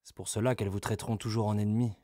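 A man's voice: lowish voice, little pitch movement, racing, dry recording, studio quality, close to an everyday voice. Man voicing a raging, blustering medieval lord. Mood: persuasive. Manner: loud, coarse and vehement. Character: brawny furious medieval male lord, blustering.

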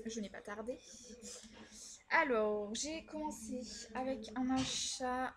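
A young beauty vlogger chats casually while reviewing her makeup purchases, her talk full of hesitations, fillers, and "voilà". Her voice sits high and she speaks slowly, with a crowd in the background.

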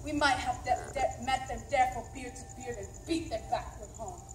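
A woman playing a proud, weary and defiant tyrant king, declaiming between shouts and murmurs in stage Shakespeare acting. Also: on the high side, a little fast, loud music behind the voice, close to an everyday voice. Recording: echoey stage from far off, faint noise.

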